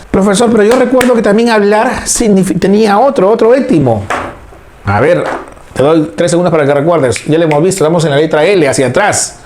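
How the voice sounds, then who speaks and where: Male teacher, lecture delivery, slightly high voice, repeats terms and quizzes the class. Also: darkish tone. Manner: repetitive, asks questions and answers imagined students. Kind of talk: recorded lecture.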